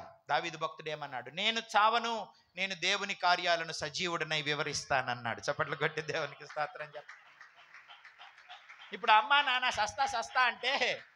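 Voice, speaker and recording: A man's voice: a little high, sharp tone, slight background noise. A man preaching a sermon as pastor, emphatic, with repeated phrases and rhetorical questions.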